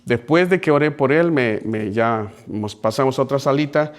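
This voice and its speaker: A man's voice: medium pitch, normal speed. A man preaching as a pastor, telling a story earnestly to his congregation and calling them brothers. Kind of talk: sermon storytelling.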